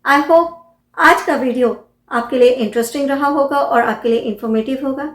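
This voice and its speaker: A woman teaching English pronunciation, spelling out words letter by letter and repeating each one slowly. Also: high voice, reverberant. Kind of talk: pronunciation lesson.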